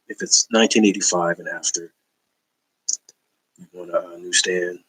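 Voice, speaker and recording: A man with a very low, husky voice talks his way through a comic book haul in a relaxed, slangy ramble. He stops and restarts often, with lots of fillers, like he is chatting with friends on a casual video. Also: low-quality recording. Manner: laid-back, slangy, rambling with many fillers.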